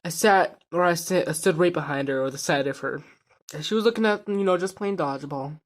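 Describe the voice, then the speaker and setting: A man telling a personal story in a vlog, speaking softly and haltingly, often trailing off into quiet. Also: fairly high pitch. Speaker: vlogger.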